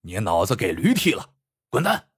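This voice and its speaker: A man voicing a brutal, foul-mouthed mountain bandit in a spoken story, gruff and cursing. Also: mid-range voice, very animated, takes it slowly, no echo, clean studio sound, voice pushed down, full character voice. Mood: snarling.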